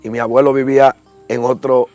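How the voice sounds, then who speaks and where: A man's voice: medium pitch, little pitch movement, a little fast, darkish tone, faint music behind. A young man giving an earnest personal testimony, acting out the voices in his story. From Dominican Republic.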